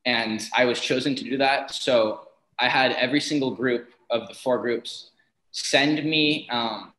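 A male student explains his work at mid pitch, leaning on fillers like "basically" and "uh." The room around him adds a clear echo. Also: measured pace, a bit bright. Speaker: student guest. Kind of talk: casual interview answer.

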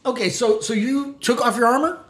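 A man's voice: very high voice, fairly quick. A man running a tabletop game as game master, narrating scenes and voicing guards as he goes. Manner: animated, voices guards mid-narration. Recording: roomy echo.

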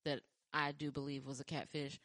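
A woman chatting casually about her dating experiences, rambling with frequent restarts and fillers, and acting out quoted lines with lively jumps in pitch. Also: normal speed, no room sound. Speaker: podcast talker sharing dating stories. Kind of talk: casual chat.

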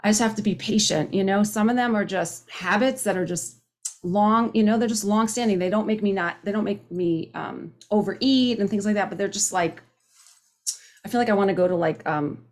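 A woman's voice: mid-range voice, normal speed. A woman in her fifties giving a personal share at a recovery meeting, earnest and conversational, often restarting her sentences. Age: 50s. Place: home, speaking on a video call. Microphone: video call microphone.

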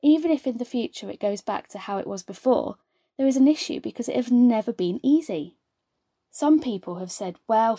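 Female live interpreter voice, first-person relay, mellow and husky tone, dry close sound. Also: a little high, no room sound. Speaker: sign language interpreter voicing a deaf speaker.

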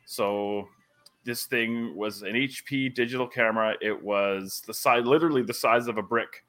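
A Canadian wrestling commentator in his forties tells stories animatedly during a casual podcast chat. His voice is mid-range at a moderate pace, and he laughs often.

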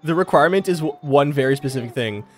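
A man running a tabletop game as game master, talking in a halting way with many pauses and restarts. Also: on the high side, expressive, faint music behind. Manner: halting, lots of ums and restarts.

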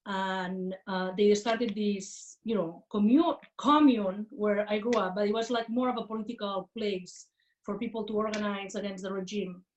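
A woman from Catalonia, a guest academic talking at home in a halting way, with many fillers and restarts. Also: mid-range voice, steady tone, distant mic, slight background noise, poor audio. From Catalonia, Spain. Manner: warm, halting, with frequent fillers and repeats. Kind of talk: casual interview talk on a video call. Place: home in a rural area outside Barcelona, window open. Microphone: video call.

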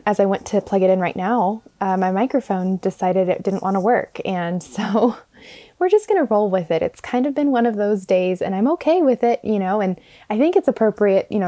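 A young woman talks through her podcast in a relaxed, reflective way, pausing and restarting as she thinks. Her voice is soft and mellow. It comes through muffled and dull from a backup microphone. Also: mid-range voice. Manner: thoughtful, many fillers and restarts. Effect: muffled audio from a fallback microphone. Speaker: podcast host and speech-language pathologist. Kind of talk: casual reflective monologue.

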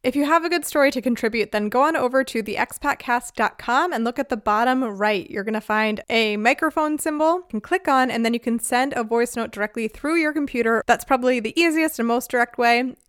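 A chatty, upbeat woman hosting her podcast, laughing now and then as she talks. Her voice sits a little high and comes through smooth and clear. The sound is dry and close, with no room around it. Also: brisk, hardly any pauses, no echo. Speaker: podcast host. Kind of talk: casual podcast talk. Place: lives in Germany.

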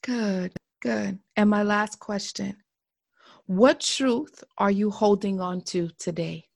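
A woman's voice: medium pitch, slow pace, gravelly. Woman hosting a faith-based interview. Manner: warm affirming, many soft mm-hmms. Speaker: podcast host.

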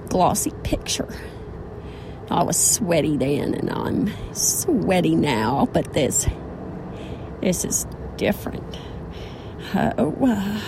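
A woman's voice: deep voice, creaky, poor audio. A woman delivering a dramatic, confiding monologue, with music and other sound behind her.

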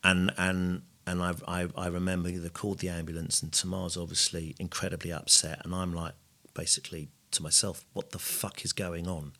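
Bright-voiced man, halting and raw. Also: sits low, level tone. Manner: halting, repeats words, swears. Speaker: podcast co-host sharing his story. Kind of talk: candid conversational podcast talk.

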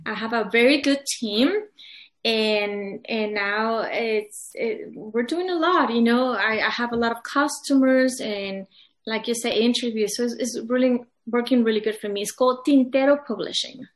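In an echoey room, a woman with a high voice speaks at a normal pace. She's a publisher and author whose first language is Spanish, answering casual interview questions as a guest; she comes across as earnest, hesitating often with fillers and restarts.

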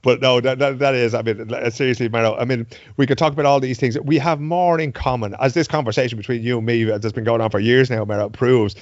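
A man's voice: medium pitch, steady tone, quick pace, few pauses, dry recording, highs cut off. An Irish man, a journalist guesting on a podcast, chatting casually with earnest points and joking banter.

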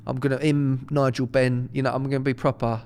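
A man's voice: mid-range voice, little pitch movement, brisk, a little mellow, clean tone. A man with an Essex or London accent, a comedian bantering casually in a cheeky, matey and sweary way. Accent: English, Essex or London.

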